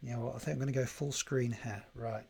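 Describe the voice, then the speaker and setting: A man hosting a live coding tutorial stream, thinking aloud in a deliberate way and chatting to viewers as he works. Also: mid-range voice, fairly even intonation, creaky, a little mellow, a little hiss or hum. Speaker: livestream coding host.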